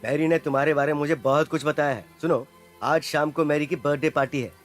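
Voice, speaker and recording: A man's voice: on the high side, steady tone, quick pace, soft background music, close to an everyday voice. A middle-aged man dubbing a jovial father who jokes heartily with his future son-in-law. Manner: hearty and jokey. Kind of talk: Hindi film dubbing.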